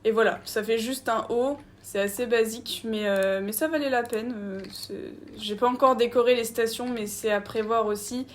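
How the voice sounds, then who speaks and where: Chatty woman with a higher voice. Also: steady tone, moderate pace, hardly any pauses, slight background noise. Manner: chatty, easygoing, talks to viewers directly. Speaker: gameplay commentator. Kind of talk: casual gameplay commentary.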